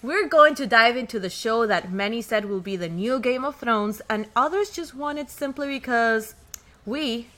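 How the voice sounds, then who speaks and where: A woman hosting a podcast and chatting casually among friends, lively and emphatic. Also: fairly high pitch, moderate pace, hardly any pauses. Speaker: podcast host.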